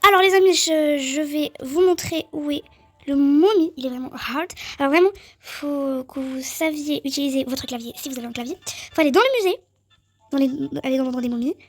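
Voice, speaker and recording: High-voiced, chatty woman doing game commentary. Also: brisk, dry recording. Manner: chatty and excitable, addressing viewers directly. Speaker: gaming video creator. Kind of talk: let's-play game commentary.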